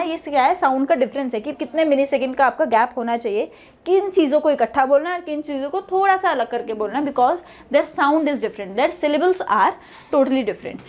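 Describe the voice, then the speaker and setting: A woman teaching pronunciation, repeating each word slowly and explaining in Hindi. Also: high-pitched. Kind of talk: online language lesson.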